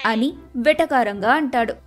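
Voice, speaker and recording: A woman narrating a scripted moral tale in a steady, measured way. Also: fairly high pitch, soft background music. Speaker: storyteller.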